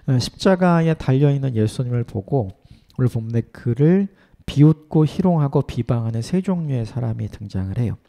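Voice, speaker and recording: A man preaching an early-morning sermon in an earnest way, his voice sometimes dropping to a soft whisper. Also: mid-range voice, animated, normal speed, creaky. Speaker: pastor.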